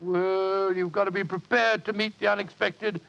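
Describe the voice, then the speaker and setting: An actor playing an earnest, blustery English gentleman doctor and loyal sidekick in an old radio drama. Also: sits high, flat delivery, normal speed, gravelly. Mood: genial. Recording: dull vintage radio recording.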